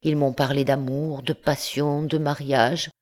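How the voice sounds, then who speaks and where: A woman's voice: deep voice, flat delivery, a little slow, darkish tone. A woman reading an audiobook, voicing an anguished, upright young man who pleads earnestly. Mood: remorseful.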